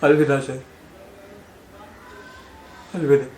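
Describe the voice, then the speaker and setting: A man playing a dying man grieving lost fame, slow halting speech, slightly high voice, echoey room, faint hiss. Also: flat delivery, darkish tone. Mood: mournful. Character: dying man mourning fame he never won. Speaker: actor in a monologue contest. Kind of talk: stage monologue.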